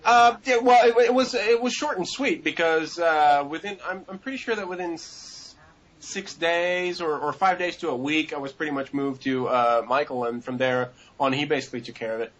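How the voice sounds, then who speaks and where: A man's voice: fairly high pitch, moderate pace, fairly bright tone, dull audio. A man in his twenties answering interview questions in a rambling way, with many fillers and restarts.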